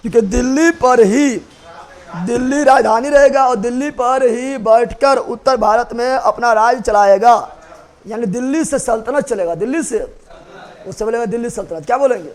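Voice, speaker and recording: A man's voice: very high voice, normal speed. A man teaching history to a class, repeating points, quizzing students and joking with rhymes. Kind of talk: classroom lecture with mnemonics.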